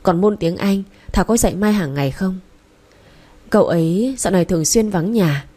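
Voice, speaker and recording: A woman reading the lines of a calm, patient young man who tutors and explains things step by step, in an audiobook. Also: mid-range voice, normal speed, natural voice. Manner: patient, instructive.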